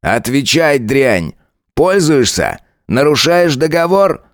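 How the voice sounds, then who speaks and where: A man's voice: medium pitch, big pitch swings, takes it slowly, dry recording, studio quality, voice pushed up. A man voicing a cruel, mocking male police lieutenant who taunts and threatens. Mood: menacing. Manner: sneering, taunting.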